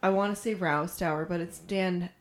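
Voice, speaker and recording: A woman's voice: on the low side, fairly even intonation, moderate pace. A young woman co-hosting a podcast, chatting casually about movies in a rambling way, swearing and losing her thread. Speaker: podcast co-host.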